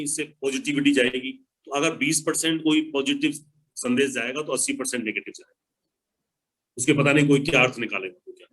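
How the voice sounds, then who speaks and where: A man's voice: mid-range voice, a bit bright, rough recording. Male motivational speaker: emphatic, repetitive, ordinary mid-range voice. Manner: emphatic, repeats key phrases. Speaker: motivational speaker answering questions. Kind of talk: advice talk to an online audience.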